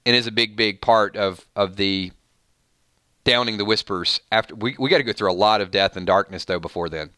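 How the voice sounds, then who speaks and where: A man hosting a live fan reaction stream, his voice bright and crisp. He talks excitedly and rambles, often restarting his sentences. The sound is dry and close. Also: fairly low pitch, fairly quick, no echo. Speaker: channel host.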